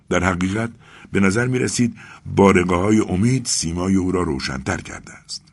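A man narrating an audiobook in a quiet, measured way. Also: deep voice, husky.

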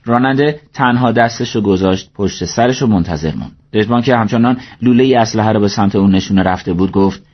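A man narrating an audiobook story in a steady, measured reading voice, in a dull lo-fi recording. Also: lowish voice.

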